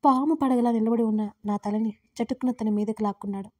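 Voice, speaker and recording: A woman reading a first-person romance story softly and quietly, at an even pace. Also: a little high, a little fast, dry recording, clean studio sound. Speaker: story narrator.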